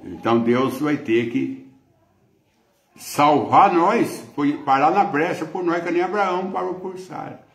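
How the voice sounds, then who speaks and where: A man's voice: fairly high pitch, a little slow, gravelly, reverberant. A man with a Brazilian accent preaching a sermon as pastor, emphatic and repetitive. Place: church.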